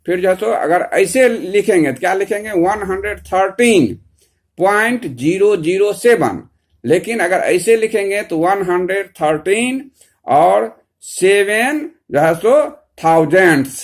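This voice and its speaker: A male teacher explaining a math lesson step by step, with many repeated fillers and slowly drawn-out numbers. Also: high-pitched, lively intonation. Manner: repetitive, filler-heavy, slow drawn-out numbers.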